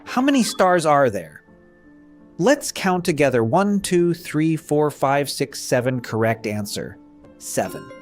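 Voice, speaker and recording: A children's math teacher, a man with a slightly high, sing-song voice, runs a counting lesson for young kids, asking how many shapes there are and counting them aloud one at a time. He goes slowly, trading questions and answers, while faint music plays in the background.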